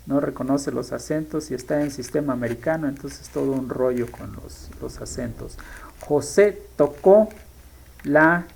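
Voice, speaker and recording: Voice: medium pitch, creaky, mellow, slight background noise, poor audio. A teacher explaining grammar in a lesson, thinking aloud and stopping often to correct themselves. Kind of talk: screen-share grammar lesson.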